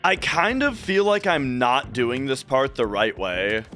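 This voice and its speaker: A man's voice: medium pitch, expressive, measured pace, pushed and bright. A man live streaming from a home setup, chatting casually while gaming, rambling with lots of fillers and restarts into a studio mic. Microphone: studio mic through a desk mixer.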